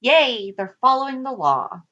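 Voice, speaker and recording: A woman co-hosts a fan podcast in easy, casual conversation. Her voice sits at a plain middle pitch. She often pauses to check facts with questions. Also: animated, a bit bright, muffled recording. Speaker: podcast co-host. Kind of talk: casual chat.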